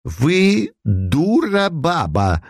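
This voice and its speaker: A man's voice: mid-range voice, lively intonation, measured pace, creaky, darkish tone, long reverb tail, pitched above the performer's own voice. A man voicing a scheming, nervous villain who wheedles and snaps rudely. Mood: angry. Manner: wheedling, then snapping rudely.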